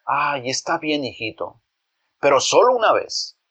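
A man voicing a gentle, hesitant mother who reproves her son softly in a slightly raised storybook voice. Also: on the high side, very animated, a little slow, pitched above the performer's own voice, full character voice. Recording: dull lo-fi recording.

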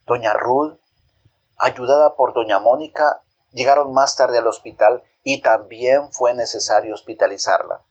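A man telling a Bible story to children in a gentle, expressive reading voice, then posing questions. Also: medium pitch, slightly rough, dull audio.

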